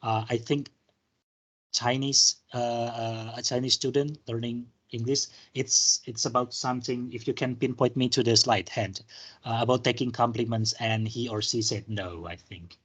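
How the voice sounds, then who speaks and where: An Indonesian man gives a relaxed university lecture in a husky, slightly breathy, mid-pitched voice at normal speed. He thinks aloud while explaining ideas, trailing off into fillers and restarting sentences.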